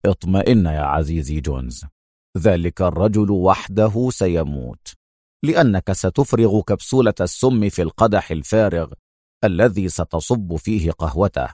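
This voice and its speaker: A man's voice: animated, warm tone, dry recording, clean studio sound. A man voicing a cold, scheming crime boss. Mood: coolly menacing. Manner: slow, low and coolly menacing.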